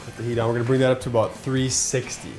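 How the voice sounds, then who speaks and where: A man's voice: mid-range voice, level tone, very fast, darkish tone. A man from Minnesota hosting a casual cooking demonstration, talking viewers through each step in an upbeat, chatty way. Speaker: cooking show host. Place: garage kitchen. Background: faint background music and frying.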